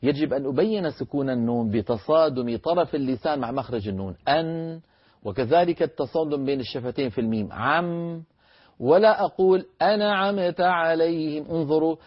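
A husky-voiced man teaching recitation in a televised lesson, chanting verses slowly and isolating single sounds to demonstrate them. His voice comes through dull, lo-fi broadcast audio. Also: medium pitch, expressive.

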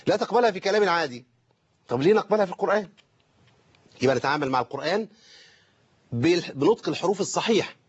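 An Egyptian man teaching Quran recitation, his voice a touch higher than most men's. He talks in an animated, teasing way and demonstrates the mistakes he corrects. The recording sounds dull and lo-fi. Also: husky. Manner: animated, mock-scolding, demonstrates recitation errors.

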